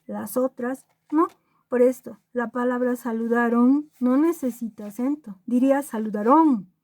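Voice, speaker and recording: A woman teacher explaining a grammar rule to children, drawing words out slowly and asking the class checking questions. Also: fairly high pitch, warm tone, dry recording. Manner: slow, deliberate, spells words out syllable by syllable. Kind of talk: classroom lesson.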